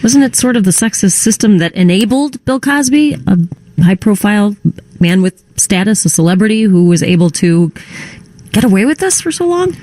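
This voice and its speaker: A talk radio co-host speaking in a measured, even-handed way. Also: mid-range voice, no echo, poor audio. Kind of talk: casual talk radio discussion.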